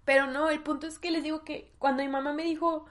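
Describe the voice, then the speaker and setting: A woman's voice: high voice, little pitch movement, quick pace, a bit bright. A young woman with a Mexican accent hosting a personal podcast monologue, candid and emotional, sometimes close to tears. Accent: Mexican Spanish. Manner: emotional, tearful at times, candid and slangy. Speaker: podcast host.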